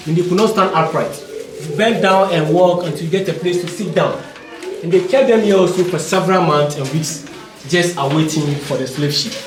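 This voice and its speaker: A male tour guide patiently explaining step by step, his voice ringing with cave echo in an underground stone dungeon. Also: a little high. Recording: echoey cave, distant mic, noisy.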